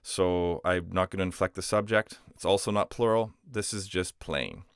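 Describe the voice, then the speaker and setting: A man's voice: sits low, normal speed, smooth, dry recording, studio quality. A man explaining a grammar lesson patiently, step by step, with some "uh"s and restarts. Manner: patient, step-by-step explanations with frequent "uh" and self-corrections. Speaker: language teacher.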